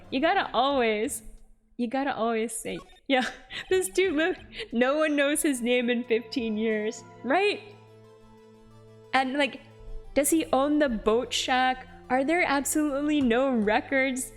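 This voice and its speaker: Female game streamer, slightly high voice, slow easy pace, giggly and playful live chat. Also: animated, soft background music.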